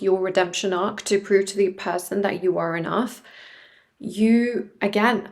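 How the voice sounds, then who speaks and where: A woman's voice: mid-range voice, darkish tone. A woman giving informal, direct advice to viewers, emphatic and fond of rhetorical questions, recorded in an echoey room at home. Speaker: video creator giving self-development advice.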